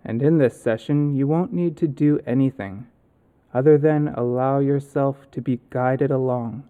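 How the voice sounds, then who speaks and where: A man narrating a guided relaxation session in a calm, soothing manner with long pauses. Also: medium pitch, clean tone, dull audio. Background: calming guitar music.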